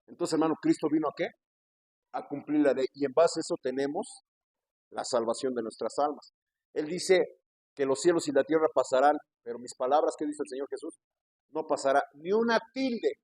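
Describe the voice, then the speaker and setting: A Mexican man preaches a sermon in a fairly high voice, recorded close and dry. He keeps turning to the congregation with rhetorical questions and calls each listener brother. He stresses his key words as he builds his points. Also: moderate pace, a little mellow, no room sound, low-quality recording. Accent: Mexican Spanish. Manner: preaching, peppers speech with "hermano" and rhetorical questions. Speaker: pastor. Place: church.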